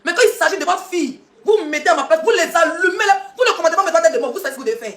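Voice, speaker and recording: Woman on a live stream going off, mocking and combative, talks super fast, echoey room. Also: sits high, expressive, fairly bright tone. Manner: mocking and combative, with frequent laughs and rhetorical questions. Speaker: social media live streamer. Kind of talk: heated live-stream rant.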